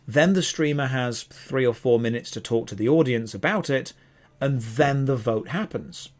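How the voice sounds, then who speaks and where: A man's voice: medium pitch, normal speed. Rambling, enthusiastic male podcast co-host. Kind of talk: casual podcast chat.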